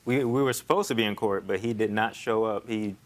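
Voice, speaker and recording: A man testifying as a plaintiff in court, explaining himself haltingly with repeated restarts while addressing the judge respectfully. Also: lowish voice. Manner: deferential, formal address. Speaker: plaintiff in a small claims case. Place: television courtroom.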